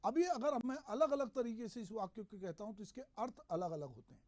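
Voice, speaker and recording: A man hosting a news show, giving measured, explanatory commentary on politics. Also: sits high. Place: regional news studio.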